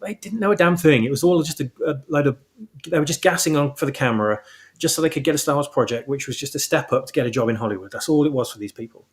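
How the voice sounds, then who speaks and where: A fast-talking man with a slightly high voice is a guest author of fan fiction in a casual interview. He explains his own story emphatically, in an opinionated way.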